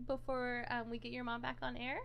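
A woman's voice: fairly high pitch, little pitch movement, a little fast, vocal fry, a bit bright, slight background noise. A young woman hosting a casual radio chat, gushing and encouraging as she interviews a child.

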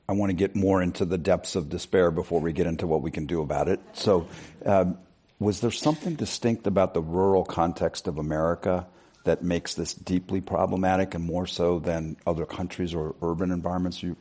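A man interviewing authors, asking deliberate questions with restarts. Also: deep voice, steady tone, dark tone, breathy edge.

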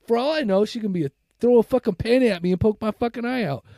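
A man co-hosting a podcast, telling stories in a casual chat full of swearing and animated retellings. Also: high-pitched, fast talker, dry recording, studio quality. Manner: swears constantly, animated storytelling. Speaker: podcast co-host.

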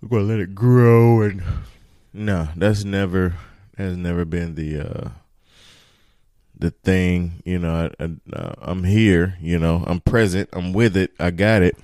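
Man, deep voice, dry close studio sound, casual podcast host, rambling, animated, informal. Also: unhurried, dry recording. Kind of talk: casual solo morning podcast chat. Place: home studio.

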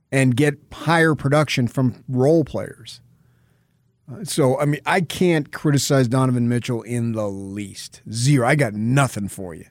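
A man's voice: medium pitch, darkish tone, dry recording, clean studio sound. An American man co-hosting sports talk radio, giving blunt, insistent opinions in a debate.

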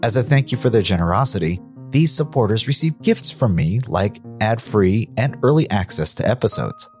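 A man's voice: lowish voice, animated, normal speed, soft background music. A man hosting a podcast, delivering scripted narration to his listeners. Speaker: podcast host.

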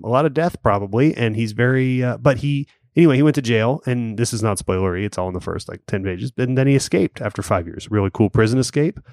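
This is a man co-hosting a podcast, rambling through casual chat with lots of fillers and restarts. His voice is medium in pitch with a darkish tone. The audio is clean studio quality, with no room sound.

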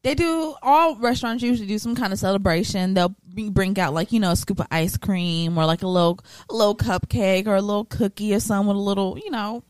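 A woman's voice: medium pitch, fast talker, hardly any pauses, smooth, no echo. Chatty woman podcast host, dry sound. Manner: animated, chatty storyteller with frequent laughs and profanity. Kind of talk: casual chat.

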